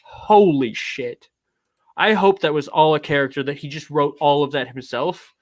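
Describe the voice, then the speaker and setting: A drunk man streaming and chatting casually, excitable and swearing a lot. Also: on the high side, normal speed, no room sound. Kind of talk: casual livestream chat.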